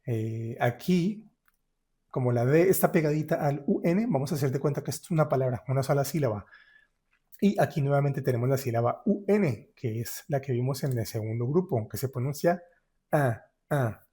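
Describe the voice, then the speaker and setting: Man, French teacher, mellow voice, slow drawn-out demonstrations. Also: medium pitch, lively intonation, breathy edge. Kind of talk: pronunciation lesson.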